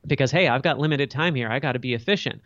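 A man's voice: mid-range voice, quick pace, a bit bright, no echo, dull audio. Middle-aged male podcast guest; candid, reflective, dry close sound. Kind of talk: candid storytelling interview answers.

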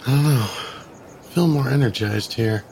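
A man's voice: mid-range voice, moderate pace, vocal fry, darkish tone, a little hiss or hum, natural voice. A man voicing a sarcastic, irreverent adventurer with a wry manner.

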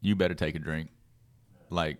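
A man's voice: a bass voice, steady tone, normal speed. A man co-hosting a podcast in casual, slangy talk with plenty of swearing. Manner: profane, slangy. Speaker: podcast host. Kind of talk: casual chat.

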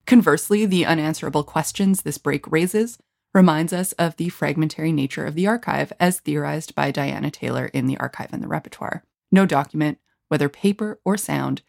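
A woman's voice: low-pitched, moderate pace, gravelly. A woman giving scripted, academic narration as a podcast narrator.

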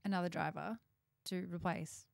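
A woman co-hosting a casual podcast chat, relaxed and offering her opinions. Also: lowish voice, moderate pace, creaky, no echo, clean studio sound. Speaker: podcast co-host.

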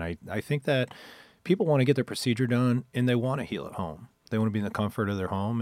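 A man hosting a podcast interview, asking questions in a casual, chatty way with halting restarts. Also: deep voice, a little mellow, no room sound. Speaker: podcast host. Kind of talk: interview conversation.

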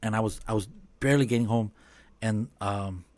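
A man who owns a business, speaking as a guest in a casual podcast conversation and talking in a relaxed, halting way. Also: fairly low pitch, no room sound. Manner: relaxed, halting with many restarts and fillers.

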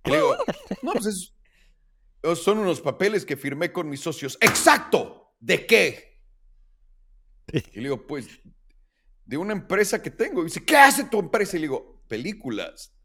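A man's voice: a little high, huge pitch swings, moderate pace. A man with a Mexican accent telling a long personal story on a casual podcast, acting out the voices of the people in it and swearing freely. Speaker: podcast host.

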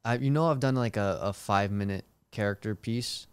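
A man's voice: on the low side, a little fast, smooth, no room sound. A young man, a stand-up comedian, in casual, rambling and crude podcast banter.

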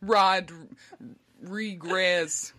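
A woman's voice: lowish voice, fairly even intonation, extremely slow, fairly bright tone. A young woman co-hosting a podcast, giggling often and trading crude, playful banter in a casual chat. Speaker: podcast co-host.

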